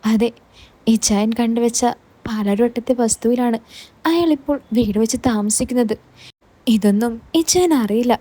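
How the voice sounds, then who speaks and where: A woman's voice: a little high, normal speed, pauses often, dark tone, natural voice. A woman voicing a weary, bitter middle-aged aunt who speaks in a sorrowful, resigned way.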